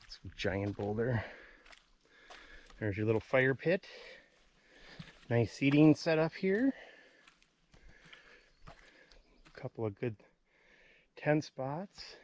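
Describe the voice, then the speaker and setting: A man chatting casually while he tours lakeside campsites outdoors, relaxed and rambling, with frequent ums. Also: mid-range voice, a little hiss or hum. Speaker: vlogger touring campsites. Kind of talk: casual outdoor vlog commentary.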